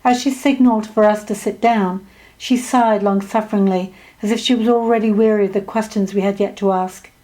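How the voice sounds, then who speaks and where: A woman reading her own memoir aloud as an audiobook, with measured, descriptive storytelling. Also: medium pitch, fairly even intonation, mellow, poor audio. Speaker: author narrating her memoir. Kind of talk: scripted audiobook narration.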